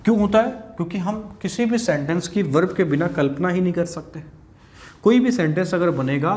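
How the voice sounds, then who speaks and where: Chatty Haryanvi-accented teacher, higher voice. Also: male voice, darkish tone, a little hiss or hum. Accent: Haryanvi Hindi. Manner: chatty, scolding asides, rhetorical questions. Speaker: English teacher. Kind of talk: online exam-prep lesson.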